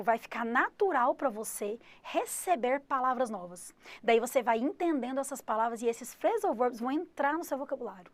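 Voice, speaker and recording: A Brazilian woman teaching an exam-prep English lesson, lively and switching between English examples and Portuguese explanations. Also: high voice, dry recording.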